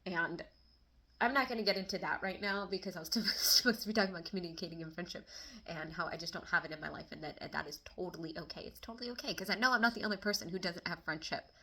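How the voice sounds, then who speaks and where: A woman with a bright, sharp-edged voice talks openly to her camera in a personal confessional vlog. She is candid and emotional, caught between laughter and near tears. Her talk breaks into quick bursts of exasperation with casual swearing. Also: lowish voice. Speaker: vlogger.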